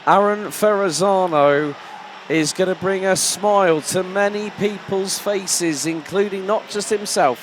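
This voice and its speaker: High-voiced, measured male motorsport commentator. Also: slight background noise. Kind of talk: live race commentary in English.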